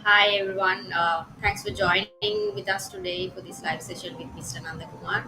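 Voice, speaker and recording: A woman's voice: on the low side, fairly even intonation, moderate pace, background noise. A woman, speaking as an interview guest over a laptop video call, in a hesitant way with fillers. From Sri Lanka. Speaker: guest, tax professional. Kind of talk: interview answers.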